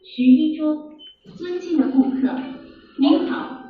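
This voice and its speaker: A synthetic female robot voice of a restaurant food-delivery robot, making polite announcements through its loudspeaker. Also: sits high, slow, distant mic. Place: restaurant dining hall. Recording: tinny robot speaker from afar in an echoey room.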